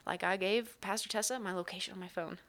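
A woman's voice: mid-range voice, steady tone, fast, a bit bright. Earnest woman sharing a candid testimony. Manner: earnest, candid, frequent restarts and laughs. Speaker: guest, worship coordinator. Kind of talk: conversational testimony interview.

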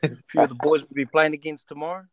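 A man's voice: fairly high pitch, flat delivery, quick pace, a crowd in the background. A man with a New Zealand accent chatting casually as a guest, laid-back and matey, often repeating his phrases. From Taranaki, New Zealand. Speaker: guest, rugby player. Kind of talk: casual chat.

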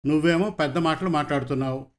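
A domineering rich landlord barks orders and scolds his poor farmhand, as a male storyteller puts him on. The voice sits a little high and stays bossy and contemptuous throughout. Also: quick pace, lightly acted.

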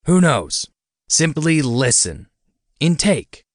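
A man voicing a tiny, smug, bat-winged male demon who mocks and threatens in a quick, lowered voice. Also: sing-song, no echo, clean studio sound, exaggerated voice. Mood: menacing. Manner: mocking, quick, menacing.

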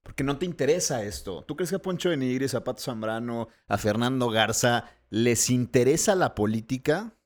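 A man's voice: mid-range voice, expressive, moderate pace, few pauses. A man from Mexico, co-hosting a podcast, pushing with provocative, teasing questions in casual political chat. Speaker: podcast co-host.

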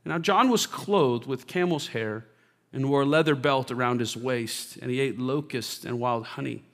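Man, pastor, sermon scripture reading, emphatic then soft, mid-pitched, long church-hall reverb. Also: normal speed. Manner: reads scripture aloud with rising emphasis, then prays softly. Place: church sanctuary during a live service.

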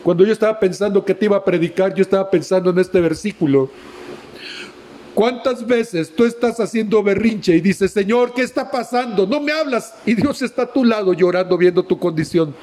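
Male preacher, high voice, emphatic sermon, faint background noise. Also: brisk, mellow. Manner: emphatic, swinging between high exclamations and low drops; addresses listener directly with questions.

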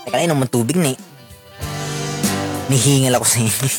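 A man's voice: medium pitch, a little fast, over loud music. A man with a Filipino accent giving casual relationship advice, mixing Tagalog and English and ending lines with questioning asides.

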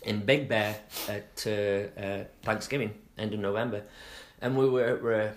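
A man's voice: on the low side, steady tone, a little slow, a little hiss or hum. A middle-aged man from England co-hosting a casual chat, rambling and trailing off mid-sentence with fillers. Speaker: podcast co-host.

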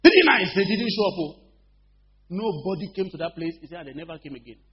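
Man preaching, high-pitched, keeps checking the congregation is with him, swings from loud to hushed; lo-fi humming recording. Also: a little fast. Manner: call-and-response questions to the congregation; swings between loud emphatic bursts and quiet storytelling. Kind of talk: sermon. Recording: dull lo-fi recording with faint hum.

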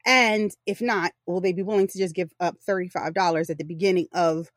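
A woman's voice: lowish voice, fairly even intonation, brisk, no echo, studio quality. A woman in her forties co-hosting a podcast, chatting casually in a candid, rambling way that often corrects itself. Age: 40s. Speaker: podcast co-host. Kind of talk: casual chat.

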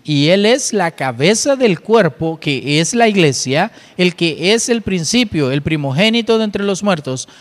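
High-voiced preacher man in a reverberant hall. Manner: explanatory, asks listeners rhetorical questions. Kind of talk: sermon.

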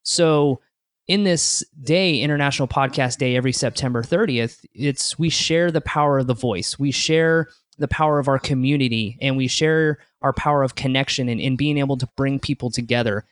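A man's voice: mid-range voice, moderate pace, no room sound, studio quality. A man answering interview questions about his podcast in an earnest, upbeat way, often restarting his sentences. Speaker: podcast co-host, interview guest.

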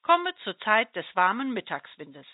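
A patient storybook dandelion, grumbling and calm in a lowered voice, as a woman puts it on. The sound is dry and thin, like a phone recording. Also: a little slow, no room sound, narrow, tinny audio.

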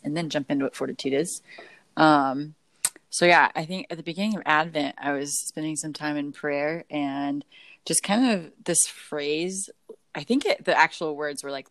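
A woman's voice: deep voice, no room sound. A woman co-hosting a podcast, chatting casually about faith and rambling with many fillers and self-corrections. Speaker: podcast co-host.

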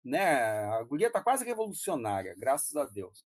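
Speaking in a mid-range voice whose pitch swoops wildly, this middle-aged Brazilian man talks at a normal speed. He's a philosophy professor with a Brazilian Portuguese accent, rambling through long digressions in casual conversation and occasionally laughing or swearing. There's no room sound, and the audio is studio quality.

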